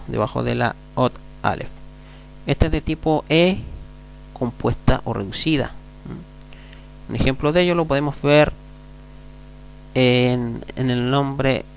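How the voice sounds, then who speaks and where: A man with a Chilean accent teaching a class, patiently repeating words and checking in with the listeners. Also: medium pitch. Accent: Chilean Spanish. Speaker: Hebrew teacher. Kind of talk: classroom lecture. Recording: gravelly voice over faint mains hum.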